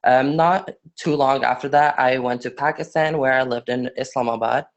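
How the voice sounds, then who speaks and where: A nineteen-year-old man from Afghanistan giving a student webinar presentation, halting with frequent fillers and restarts. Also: mid-range voice, fairly even intonation, lo-fi sound.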